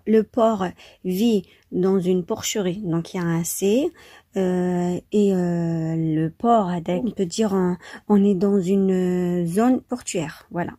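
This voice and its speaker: A woman's voice: mid-range voice, warm tone, husky, no room sound, clean studio sound. A woman teaching French spelling in an informal, chatty lesson, with frequent hesitations and enthusiasm. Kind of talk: informal vocabulary lesson, mixing French and Arabic.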